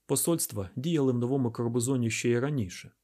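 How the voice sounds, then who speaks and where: A man narrating an audiobook in a steady, even reading voice. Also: medium pitch, fast talker. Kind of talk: scripted narration.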